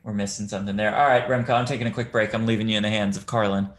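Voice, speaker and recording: A man's voice: fairly low pitch, steady tone, very fast, faint music behind. An American man hosting a poker stream, upbeat and joking, reading the chat aloud. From United States. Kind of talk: casual host banter.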